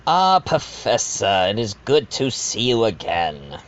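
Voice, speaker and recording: Speaking slowly and a touch hesitantly, a man plays the friendly narrator and host of a mystery dinner, a genial widowed doctor in a fan audio drama with narration asides. His tone is confiding, his pitch swings lively. The audio is slightly dull and lo-fi.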